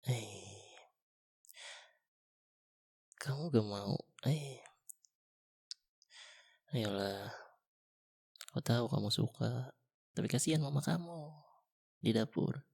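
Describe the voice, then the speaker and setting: A young man in a whispered role-play as a boyfriend, talking in a soft, coaxing and gently teasing way. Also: mid-range voice, takes it slowly, vocal fry, long pauses, breathy edge. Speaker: ASMR boyfriend role-player.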